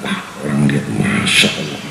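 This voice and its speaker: A man teaching Quran commentary to a congregation in a relaxed, joking manner, acting out crying worshippers in high voices. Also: normal speed, vocal fry. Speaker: religious teacher. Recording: echoey hall, faint noise.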